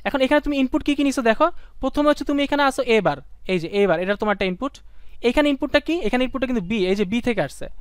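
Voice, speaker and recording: A man's voice: very high-pitched, animated, quick pace, clear, resonant tone, dry recording, clean studio sound. A young man teaching a live online class, talking students through each step, repeating himself and asking rhetorical questions.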